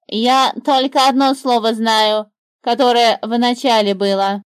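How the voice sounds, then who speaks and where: A bossy, grumbling motherly bird, played by a woman storyteller. She talks high and loud, firing off exclamations. The sound is dry and close. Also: steady tone, unhurried, smooth, no echo, lightly acted. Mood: indignant bossy.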